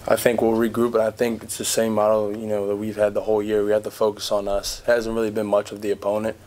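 A young man, a college basketball player, giving measured, steady answers at a postgame press conference, seated at a table mic. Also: on the low side. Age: young adult. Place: press conference room in front of a backdrop.

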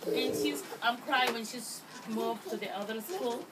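A middle-aged woman, a native Spanish speaker with a thick accent, speaking informally in halting English as a preschool teacher to parents and children. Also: fairly high pitch. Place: outdoor daycare play yard. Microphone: handheld phone camera a few metres away. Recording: noisy, distant phone video.

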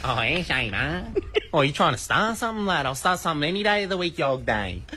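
A woman's voice: low-pitched, big pitch swings, quick pace, sharp tone, slight background noise, exaggerated voice. A woman voicing a cocky, aggressive young Australian street lad in a comic radio skit.

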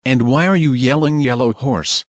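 A man's voice: mid-range voice, moderate pace, very noisy, lightly acted. Man doing a whiny frightened bear toy. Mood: scared. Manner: pleading, with strings of repeated protests. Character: scared male bear toy, whiny victim.

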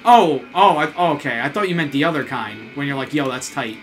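A man's voice: on the high side, a little fast, over music. A man with a New York accent gaming on a stream and chatting casually, jokey and incredulous, swearing freely. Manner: jokey, incredulous, swears a lot, bursts into loud goofy yells. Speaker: gamer streaming. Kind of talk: casual chat during a game stream.

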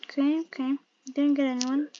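High-pitched, excitable woman streaming a game. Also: moderate pace, no echo, dull audio. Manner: excitable, exclaiming and muttering to herself as she plays. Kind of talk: casual gameplay commentary.

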